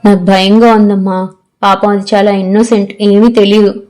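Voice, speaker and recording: A woman's voice: mid-range voice, flat delivery, normal speed, a little mellow, natural voice. A woman narrator voicing a tearful college girl who speaks with distress and remorse. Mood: remorseful.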